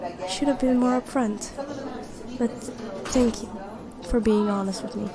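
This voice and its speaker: Tender and relieved, the woman voicing a supportive young best friend with a secret crush speaks unhurriedly in a slightly high, everyday-sounding voice. Her delivery is gentle, earnest and encouraging, conversational and softly hesitant, as one-sided intimate roleplay acting. The ambience of a busy coffee shop plays underneath.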